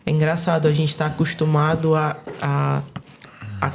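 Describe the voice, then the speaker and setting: A woman guest on a faith podcast who talks quickly and tells stories with animation, often restarting her sentences. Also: deep voice, little pitch movement, gravelly, a little hiss or hum. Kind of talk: casual faith podcast conversation.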